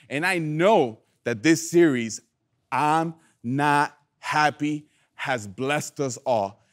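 A young man preaching a youth sermon, lively and playful, calling on the audience to answer back. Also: a little high. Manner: animated, playful, calls for audience response. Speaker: youth pastor.

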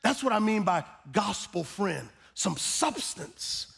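A middle-aged man preaching a sermon on a church stage, animated and calling out to his congregation. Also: high-pitched, slow pace, gravelly, husky. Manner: animated, gesturing, calls out to the congregation. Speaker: pastor. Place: large church stage with band gear.

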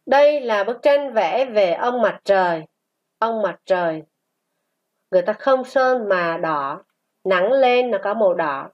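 Slow woman teacher spelling syllables. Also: mid-range voice, expressive, highs cut off. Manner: slow, spells syllables aloud and repeats rhymes. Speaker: primary school teacher. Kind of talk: first-grade reading lesson.

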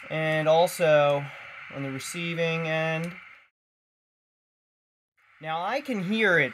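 A man with a bright voice on the high side walks through a hands-on tech tutorial, explaining casually and conversationally as he works. It's a clearly noisy home-video recording.

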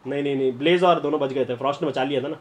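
A young man streaming a game live, chatting to viewers and breaking into excited shouts and laughter. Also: mid-range voice, very fast, slight background noise. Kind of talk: live gameplay commentary.

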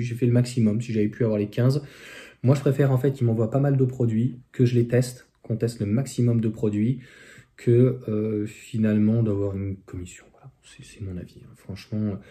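A man's voice: medium pitch, warm tone. A man reviewing car accessories in a casual, chatty way, with many fillers and restarts. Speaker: electric car vlogger.

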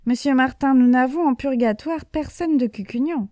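A woman voicing a tall, solemn male angel who keeps a ledger, calm and matter-of-fact. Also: high-pitched, normal speed, no echo, clean studio sound, natural voice.

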